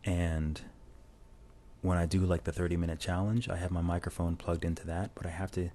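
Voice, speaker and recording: A man with a low voice briskly narrates a drawing tutorial. His casual delivery is relaxed and rambling, with frequent restarts, captured on a phone's lavalier mic.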